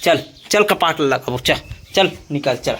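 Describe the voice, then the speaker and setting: A young man with a Chhattisgarhi accent hosting a casual village vlog, talking in a playful, loud, teasing way. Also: on the high side, expressive, a little slow, crowd noise. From Chhattisgarh, India. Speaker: vlogger.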